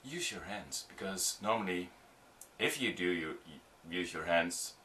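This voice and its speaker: A middle-aged man with Dutch as his first language teaches on-camera skills in a casual video tutorial; he's an audiovisual producer. His low-pitched voice is expressive, pushed and bright, with slight hiss or hum, and his demonstrative delivery is full of ums and restarts.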